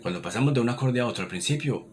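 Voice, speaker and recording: A man's voice: medium pitch, lively intonation, racing. A man, giving an informal language lesson in a repetitive, encouraging way. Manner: repetitive, encouraging, many restarts. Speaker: English teacher. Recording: noticeable background noise.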